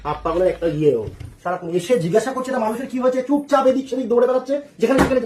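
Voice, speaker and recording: A woman playing a patient, puzzled husband who coaxes and gently teases his sulking wife in a comic sketch. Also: on the high side, expressive, racing, distant mic, natural voice. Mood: teasing. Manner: coaxing, bewildered, teasing. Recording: echoey room with crowd noise.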